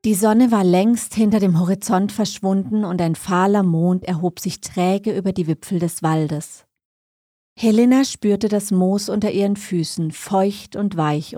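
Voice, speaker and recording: A woman reading a scripted dark fantasy story as narrator, in a measured, suspenseful way. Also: mid-range voice, fairly even intonation, no room sound, studio quality.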